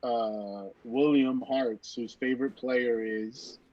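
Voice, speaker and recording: A man's voice: mid-range voice, slow pace, muffled recording. A man co-hosting a casual baseball podcast, teasing his friends dryly and calling the game in mock play-by-play. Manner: dry teasing, deadpan play-by-play. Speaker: podcast co-host. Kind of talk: casual watch-party chat with mock play-by-play.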